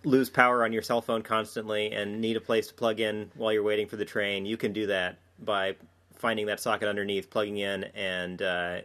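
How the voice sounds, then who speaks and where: A man's voice: on the low side, little pitch movement, a little fast, fairly bright tone. A man co-hosting a casual podcast as its editor, chatting and reading a listener's story aloud with dry, self-mocking humor.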